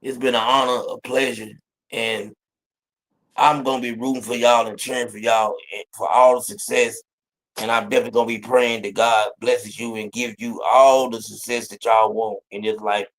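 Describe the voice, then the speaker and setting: Male interview host, mid pitch, encouraging, chatty, faith-minded. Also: level tone, moderate pace, poor audio. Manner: encouraging, faith-talking, fills with "you know what I'm saying". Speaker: podcast host. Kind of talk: casual interview chat.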